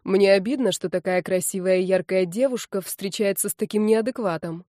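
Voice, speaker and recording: An irritable young man who runs a flower shop, blunt and quick to bristle, as a woman reads him. His voice comes out warm and mellow, dry and close to the mic. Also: mid-range voice, no room sound, lightly acted. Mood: worried. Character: touchy young male florist.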